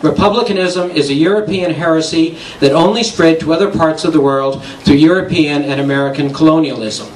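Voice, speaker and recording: A man reading a formal, measured debate statement in an echoey hall, picked up by a distant mic. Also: on the high side, a little hiss or hum. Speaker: debater for the monarchy.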